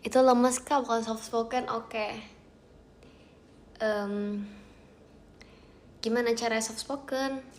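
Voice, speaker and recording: A young woman hosting a casual livestream from home, chatting with viewers, thanking them and often dropping into soft whispers. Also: fairly high pitch, fairly even intonation, takes it slowly, pauses often, slight background noise. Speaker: idol livestream host. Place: at home, outside her bedroom.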